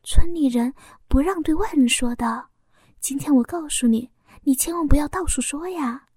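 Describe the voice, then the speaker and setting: Giving voice to a shy young village wife, the woman narrating the story speaks in a hushed, confiding tone that is high and mellow. She goes a little slowly, in a dry, close recording without echo.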